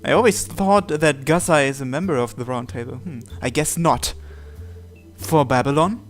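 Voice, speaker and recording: For a let's-play, a man with a somewhat high-pitched voice reads a visual novel aloud at a moderate pace. He handles the narration and all the characters' lines in his own plain voice. Quiet, soft game music plays underneath.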